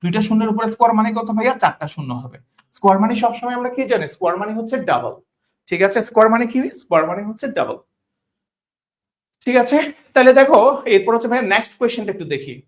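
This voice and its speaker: A man's voice: sits high, animated, fast. A man with a Bangladeshi Bengali accent teaching an online class. He talks colloquially to his students, repeats each question, checks in with them all the time, and mixes English words into his Bengali. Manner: addresses students as brothers, colloquial. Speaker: tutor.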